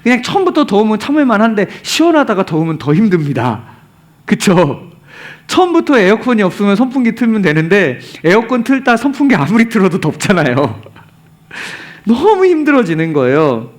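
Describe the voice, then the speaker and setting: A male pastor preaching with a high, very lively voice that swings widely in pitch. He tells the story with animated rhetorical questions to his congregation. At key points he sinks to a near whisper. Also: moderate pace. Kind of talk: sermon.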